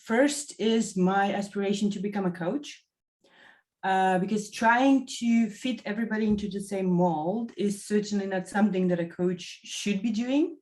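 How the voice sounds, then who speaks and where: A woman in her thirties from Latvia, giving a reflective testimonial interview and pausing often to find her words. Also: mid-range voice, a little mellow. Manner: thoughtful, many fillers and self-corrections. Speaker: interview guest, executive assistant.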